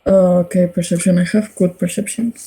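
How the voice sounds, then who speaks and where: A woman's voice: fairly low pitch, flat delivery, normal speed, dark tone, rough recording. A woman playing in a tabletop game, talking casually with hesitant, giggly speech. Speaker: player.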